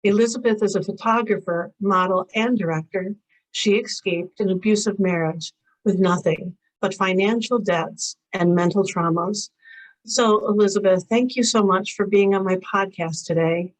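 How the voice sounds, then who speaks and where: A woman hosting a podcast, reading a measured scripted intro and then interviewing a guest. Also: medium pitch, fairly even intonation, poor audio. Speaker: podcast host.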